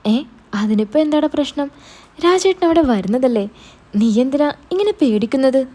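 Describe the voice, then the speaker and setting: A woman doing a calm scolding mother. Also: sits high, normal speed. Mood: matter-of-fact. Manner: plain homely scolding. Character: middle-aged mother, calm, homely, scolding.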